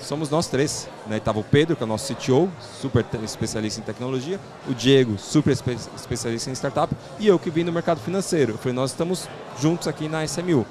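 A man with a Brazilian Portuguese accent, founder of a startup investment platform, answers interview questions as a podcast guest. His mid-range voice moves quickly with few pauses, and there is crowd noise behind him. His informal explanations often end with little check questions.

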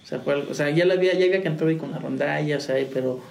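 The musician guest, a young man, speaks rapid-fire in a fairly high voice with vocal fry and a darkish tone. He rambles through his story casually, with restarts and laughter, and the sound is roomy and distant with a little noise.

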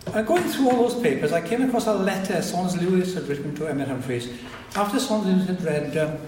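A high, expressive, slightly mellow voice belongs to an older man from Wales, a native Welsh speaker with a Welsh accent. He speaks quickly in a reflective public lecture at a society event, frequently restarting. The echoey hall recording includes slight background noise.

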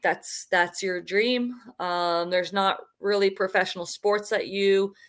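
A woman's voice: mid-range voice, steady tone, slow pace, fairly bright tone. A young woman from Canada, a podcast guest, answering casually over a video call with lots of "um" and "like". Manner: loose, many fillers like "um" and "like". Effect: remote guest audio over a video call connection.

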